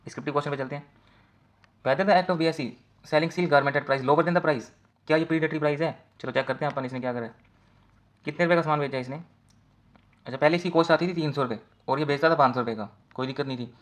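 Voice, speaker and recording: A man rattles through an exam case study at a brisk clip. His voice sits a little high for a man, and he talks straight to the students as he checks each answer. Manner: rapid, talks to students directly in mixed Hindi and English. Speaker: teacher.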